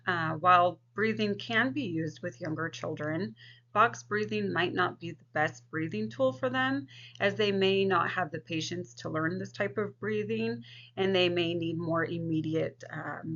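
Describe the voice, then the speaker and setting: A woman social work student giving a scripted instructional presentation in a creaky voice. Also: fairly low pitch, bright, forceful tone. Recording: dull, lo-fi microphone sound.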